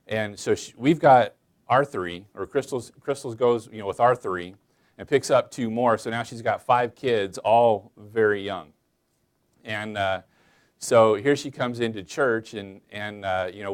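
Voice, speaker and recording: A man preaching a casual, chatty sermon in church, asking the congregation questions and filling pauses with "um" and "uh". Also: fairly low pitch, clean tone. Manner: folksy, chatty, many fillers, addresses listeners as y'all. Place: church sanctuary.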